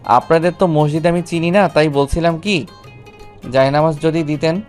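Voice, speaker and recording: A man playing a calm, devout young husband with a measured, polite manner in an acted audio love story. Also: fairly high pitch, faint music behind, lightly acted. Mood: polite, gentle. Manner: measured, polite, formal address.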